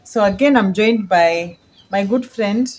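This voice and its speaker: A woman's voice: medium pitch, a little slow, a little mellow, rough recording. A woman with a Kenyan accent hosting a casual video chat, feeling her way through her phrases. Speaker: channel host.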